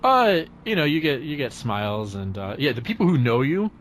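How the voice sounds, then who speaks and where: A man narrating casually as game master, improvising hesitantly with lots of pauses. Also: medium pitch, big pitch swings, a bit bright, slight background noise.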